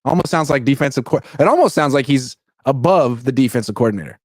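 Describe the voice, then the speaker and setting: A man in his thirties chats loosely as a co-host, his pitch swinging up and down with lively expression. His microphone crackles and distorts, and the sound is dry and close. The delivery is conversational and unscripted. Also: fast talker, no echo. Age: 30s. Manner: conversational, reads listener comments aloud. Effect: crackling, distorted mic. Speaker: sports podcast co-host. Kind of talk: casual chat.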